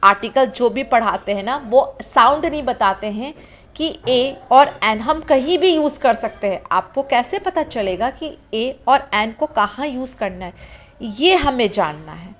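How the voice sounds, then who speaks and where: Woman teacher doing a beginner grammar lesson, kinda high voice, drags out the letter sounds, keeps asking questions. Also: animated. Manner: slow, drawn-out sounding of letters; asks the class questions. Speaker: English teacher.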